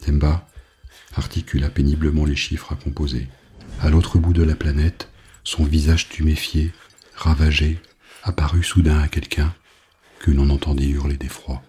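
A man reading an audiobook novel in a grave, measured narration. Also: a bass voice, level tone, warm tone, breathy edge.

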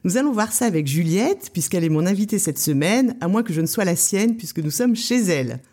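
A woman's voice: medium pitch, expressive, brisk, warm tone. A woman hosting a podcast interview, reading a scripted intro and then prompting her guest with friendly questions and short acknowledgements. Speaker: podcast host. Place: small shop, behind the till.

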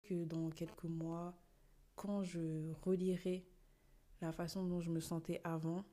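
A woman's voice: lowish voice, flat delivery, takes it slowly, dark tone. A young woman hosting a podcast, talking casually and expressively to her listeners, tossing in English words. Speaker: podcast host. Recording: poor sound quality.

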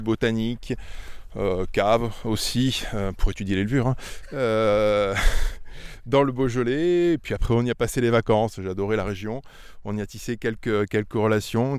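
Out among his vineyards, a middle-aged winemaker from Auvergne, France explains them in a casual interview. He's thoughtful and often repeats words as he goes, and his medium-pitched voice sounds smooth and darkish, with no echo.

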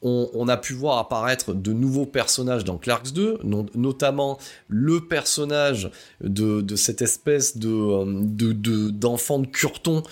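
A man's voice: mid-range voice, a little slow. A man hosting a casual film review podcast, rambling with many hesitations and wry asides. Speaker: podcast host.

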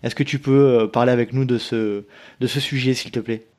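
A man hosting a podcast, asking a guest polite, measured questions. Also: mid-range voice, steady tone, a little mellow. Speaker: podcast host. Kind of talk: interviewing a guest.

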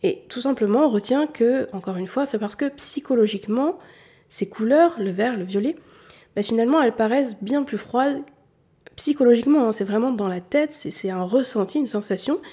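Southern french woman teaching colors, chatty, mellow and a bit husky. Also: a little high, lively intonation, fairly quick. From southern France. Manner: chatty, addresses the listener directly. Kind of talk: informal online lesson.

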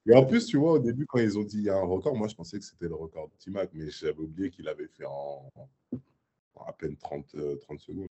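A young man in his twenties tells his story as a guest in a casual interview, with a low pitch and a husky, slightly breathy voice. He lets it run loose, with plenty of fillers and punchy little sound effects. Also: a little fast, lo-fi sound. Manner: lively retelling with sound effects and many fillers. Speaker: guest basketball player.

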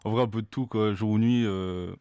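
Male interview guest, young, low pitch, dry close recording, loose casual delivery. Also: steady tone, fairly quick, dark tone, clean tone, no echo. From France. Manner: loose, informal phrasing. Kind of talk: casual chat.

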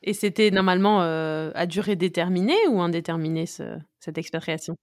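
A woman's voice: on the low side, animated, a little fast, a little mellow, dry recording. Dry-sounding woman interviewer. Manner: informal, addresses guest familiarly. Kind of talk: casual interview questions.

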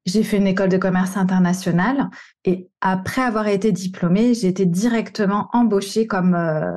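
In a darkish mid-range voice at normal speed, a thirty-something woman from the Paris region of France narrates her career story. As a coach and podcast host, she keeps it candid and conversational, with touches of slang.

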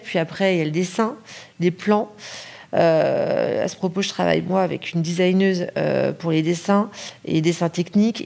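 A woman's voice: fairly low pitch, gravelly, a little mellow. A middle-aged woman from Paris, a designer answering podcast interview questions with many fillers and restarts. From Paris, France. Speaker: lighting designer, guest.

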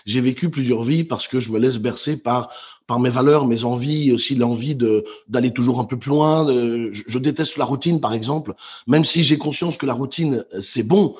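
A man's voice: mid-range voice, moderate pace, husky. A middle-aged man from Belgium, a professional speaker, recounting his career in a podcast interview with frequent hesitations. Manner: animated storyteller with frequent hesitations. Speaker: guest speaker. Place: remote call from home.

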